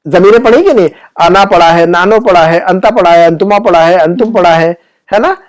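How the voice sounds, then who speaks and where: A middle-aged male teacher with a fairly high voice gives a classroom grammar lesson. He explains patiently and repeats key terms. He keeps asking quick check-in questions and reads word lists out slowly, one by one. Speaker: Arabic teacher.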